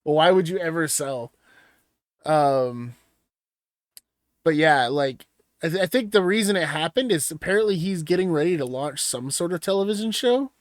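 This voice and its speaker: A young man co-hosting a casual podcast stream, talking loudly and excitably with plenty of swearing. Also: a little high, normal speed, no echo, studio quality. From Washington State. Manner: loud, excitable, profane. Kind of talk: casual banter.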